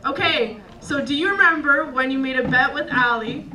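A woman's voice: sits high, moderate pace, bright, forceful tone, far from the mic, slight background noise, poor audio. A woman in an audience asking a guest a question through a roving microphone, a little hesitant. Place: festival theater audience.

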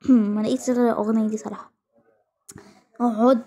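A woman with an Egyptian accent improvising a toy-game role-play, talking in quick, bossy, teasing exchanges. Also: on the high side, little pitch movement, dark tone, husky. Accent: Egyptian Arabic.

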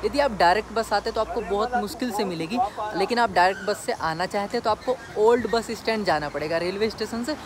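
A man's voice: sits high, brisk, hardly any pauses, noisy background. A young man filming a casual travel vlog on a phone at arm's length outdoors, talking straight to his viewers in a chatty way. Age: young adult. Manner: chatty, addresses viewers directly. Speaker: travel vlogger. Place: outdoors on a windy hill road. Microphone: phone camera at arm's length.

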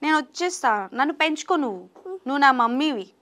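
A woman's voice: sits high, animated, brisk, fairly bright tone. A woman interviewer in playful chat with a small child, asking teasing, coaxing, sing-song questions.

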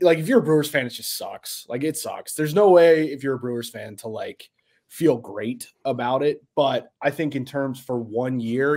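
A man's voice: mid-range voice, darkish tone. A man co-hosting a podcast, chatting casually with a teasing, laugh-prone manner. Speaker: podcast co-host. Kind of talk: casual chat.

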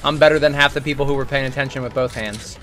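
A man's voice: mid-range voice, fairly even intonation, fast talker, bright, forceful tone. A man streaming a video game and chatting casually, full of joking, rambling banter. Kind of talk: casual gaming stream chat.

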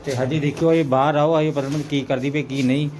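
A man's voice: on the high side, fairly even intonation, quick pace, a little mellow. A man with a Punjabi accent chatting casually for a home vlog, repeating phrases for emphasis, on a noisy handheld recording. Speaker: vlogger's husband filming along.

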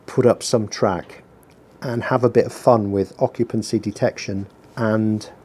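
Low, dark-voiced man rambling. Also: steady tone, unhurried, husky. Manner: self-deprecating, rambling, dry humour. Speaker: small business owner blogging his work. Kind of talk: casual workshop vlog. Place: workshop with a heater running. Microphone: mic on the bench below him.

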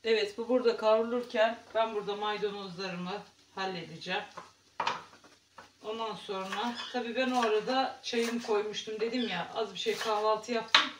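A woman chats to her viewers while she cooks at home, easy and talkative. Her voice is in the middle range and comes from a distance in an echoey kitchen. Cooking noise is clearly heard behind her. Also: mid-range voice, fairly even intonation, normal speed. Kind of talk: casual cooking vlog chat.

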